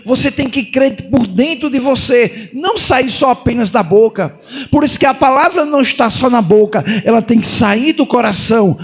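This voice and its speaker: A male pastor with a Brazilian Portuguese accent preaches with fervor, hammering points through repetition. His voice sits strikingly high. The recording is dull and lo-fi. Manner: fervent, emphatic repetition, calls listeners "irmão". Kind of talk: sermon.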